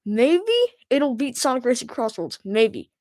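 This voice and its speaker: A woman's voice: a little high, a little slow, darkish tone, dry recording, clean studio sound. A woman hosting a casual live reaction stream, speaking informally and a little muffled through a face mask. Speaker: livestream host.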